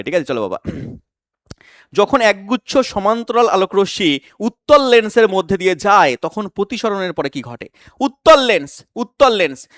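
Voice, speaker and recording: A high-pitched man coaching students through exam science questions. He asks a question, then answers it himself, and keeps repeating the key terms. The recording is dry and close, with no room sound. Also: no echo. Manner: explains by asking questions and answering them himself. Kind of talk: exam-prep science lesson.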